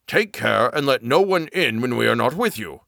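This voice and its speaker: A man's voice: medium pitch, lively intonation, normal speed, gravelly, a bit bright, no room sound. The protective dwarves of the storybook spoken by a male narrator sound earnest and plain. It is close and dry. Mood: warning.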